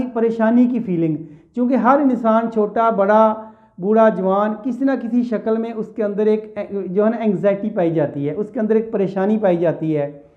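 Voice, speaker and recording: A man teaching an English poem, mixing Urdu and English and reading the verse lines slowly. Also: sits high. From Pakistan. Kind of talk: poetry lecture. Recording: tinny phone-like audio.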